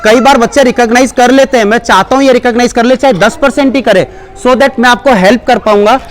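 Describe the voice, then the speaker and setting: A man's voice: very high-pitched, fast talker. A man giving a live demonstration speech at a school seminar, coaxing the children and mixing in English phrases. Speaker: seminar presenter.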